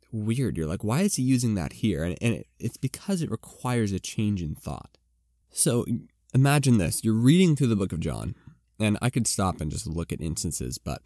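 A man hosting a casual Bible-teaching podcast, with a fairly low voice that swings widely in pitch. He talks conversationally and drifts into fillers and side remarks. The recording is close and dry. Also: mellow, no echo. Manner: conversational, with frequent fillers and asides. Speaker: podcast host.

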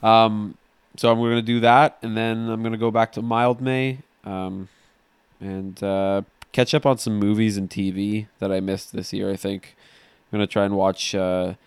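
Smooth low-voiced man, dry sound. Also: no room sound. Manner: hesitant, lots of ums and likes. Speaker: podcast co-host. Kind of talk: casual chat.

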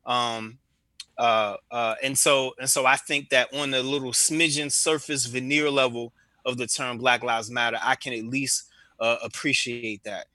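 A man's voice: mid-range voice, steady tone, pushed and bright, no echo. A podcast host speaking earnestly in a round table discussion, often restarting his sentences. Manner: earnest, halting with many restarts.

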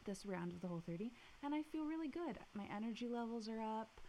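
A young adult woman co-hosting a podcast in casual chat, upbeat and quick to laugh. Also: on the high side, lively intonation, dark tone, poor audio. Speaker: podcast co-host. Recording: faint hiss.

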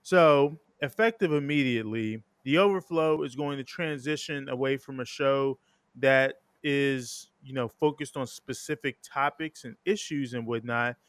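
A man's voice: medium pitch, unhurried, a bit bright, clear, resonant tone, no echo. A man hosting an interview podcast, talking informally and conversationally, rambling a little and correcting himself as he goes. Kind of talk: casual, conversational show introduction.

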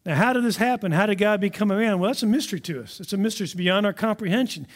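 A man preaching a sermon in a conversational, animated storytelling manner. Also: sits high, rapid-fire. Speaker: pastor.

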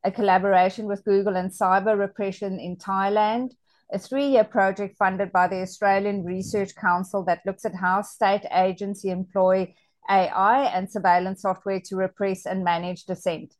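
A woman hosting an interview, reading a scripted introduction and asking questions in a clear, measured way. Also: medium pitch, flat delivery, darkish tone, no room sound. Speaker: podcast host.

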